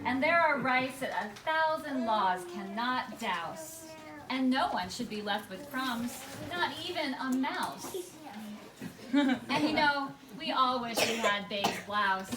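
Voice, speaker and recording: A woman with a high, animated voice hosts a live puppet show, narrating slowly and talking informally to the audience. The recording comes from an echoey live room with a distant mic and loud music and crowd noise.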